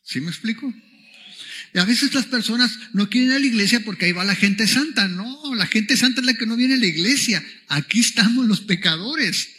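A pastor delivers a sermon in a casual, conversational way, often turning to the congregation with questions. His voice sits high for a man and sounds bright and forceful. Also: animated, brisk. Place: church.

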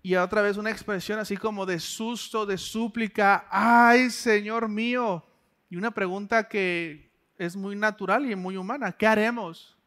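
A man's voice: high-pitched, fairly even intonation, normal speed, fairly bright tone. A man preaching a sermon in a conversational way, asking the listener direct questions.

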